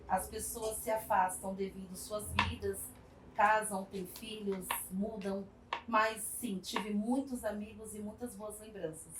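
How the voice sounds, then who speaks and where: A woman, telling her life story in an interview with reflective pauses and small hesitations. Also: mid-range voice, fairly even intonation. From São Paulo, Brazil. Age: 40s. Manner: reflective, warm storytelling with frequent hesitations and tag questions. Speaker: interviewee, community project worker. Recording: echoey room, distant mic, faint background noise.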